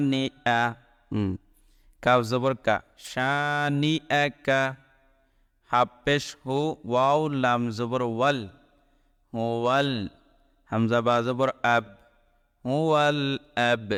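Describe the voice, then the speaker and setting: A man teaching how to recite a short Quran chapter, spelling out each letter and vowel mark before chanting the verse in long, drawn-out tones. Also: medium pitch, a bit bright, clean tone. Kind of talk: slow recitation lesson. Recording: long echoing reverb.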